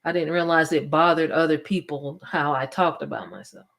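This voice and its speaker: A woman's voice: low-pitched, normal speed, gravelly. A woman guest speaker sharing her personal story candidly and reflectively. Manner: reflective, candid, many soft affirmations.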